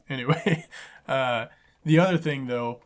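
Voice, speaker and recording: A man's voice: mid-range voice, a little slow. Young male co-host, easygoing review chat; stammers and restarts, ordinary mid-range voice. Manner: stammers and restarts, talks while eating. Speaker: podcast co-host. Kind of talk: casual movie review chat.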